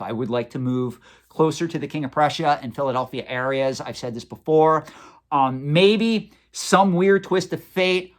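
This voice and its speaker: A man in his forties hosting a collectibles channel, answering viewer questions in a conversational, opinionated and sometimes sarcastic way. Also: mid-range voice.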